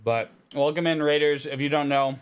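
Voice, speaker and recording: A man's voice: a little high, moderate pace, smooth. Playful man chatting on a livestream. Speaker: streamer playing a visual novel. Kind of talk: casual livestream chat with read-aloud narration.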